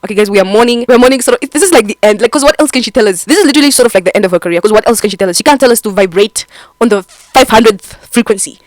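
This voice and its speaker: A woman giving animated, joking reaction commentary in slangy chat. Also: a little high, racing, no room sound, low-quality recording. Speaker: commentary creator.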